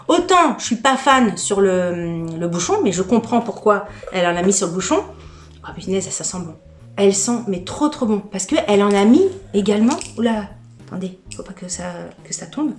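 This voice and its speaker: A mid-range female voice, recorded with a roomy sound, belongs to a lifestyle vlogger casually unboxing something. Candid and full of gushing excitement, she often stumbles over repeated words.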